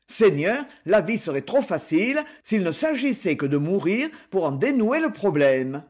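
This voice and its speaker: A man's voice: sits high, big pitch swings, a little slow, husky, exaggerated voice. A man reading the part of a loyal male friend who pleads fervently and reproachfully. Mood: pleading.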